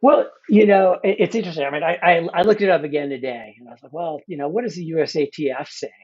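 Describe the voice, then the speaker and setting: A guest coach in his fifties rambles loosely through a casual interview, restarting often and saying "you know" a lot. His voice is on the high side and quick, with a darkish tone, and the recording sounds muffled.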